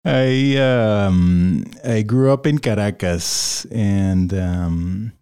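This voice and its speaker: A freelance video producer from Venezuela, visiting an interview show as a podcast guest, has a fairly low, dark, clean voice and draws out his words. He chats casually, wandering off topic with many fillers and restarts and frequent laughter.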